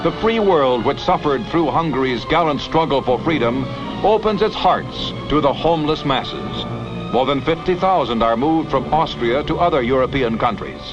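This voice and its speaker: A man's voice: mid-range voice, lively intonation, moderate pace. A man giving scripted, emphatic newsreel narration, heard as an old newsreel soundtrack. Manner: dramatic, emphatic announcer delivery. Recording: dull lo-fi vintage newsreel audio with music. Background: music.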